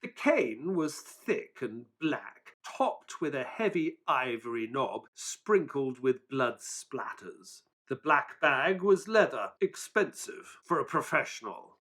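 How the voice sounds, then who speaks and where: A mild Victorian doctor and sidekick in an audio drama. He speaks slowly and politely, with a husky edge and an expressive, earnest lilt. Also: mid-range voice, exaggerated voice. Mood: measured narrating. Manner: polite, hesitant, measured. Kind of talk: audio drama acting and narration.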